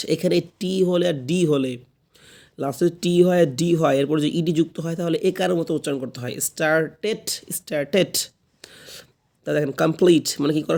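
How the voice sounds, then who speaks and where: A man's voice: a little high, gravelly, a little mellow. A man with a Bengali accent teaching English, drilling verb forms by repetition and answering his own questions. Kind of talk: classroom lesson with drilled repetition.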